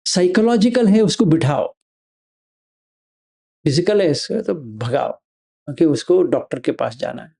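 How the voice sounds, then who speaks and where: Slow, gravelly male meditation teacher. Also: a little high, animated, mellow. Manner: slow, step-by-step instruction. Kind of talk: explaining meditation practice.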